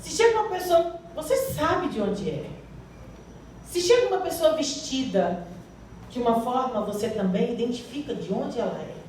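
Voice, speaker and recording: A woman's voice: fairly high pitch, big pitch swings, normal speed, a little mellow. A woman with a Brazilian Portuguese accent preaching a church sermon, reading scripture and quizzing the congregation with questions. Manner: asks the congregation questions and prompts answers. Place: church hall. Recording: very echoey hall, mic far off, faint hiss.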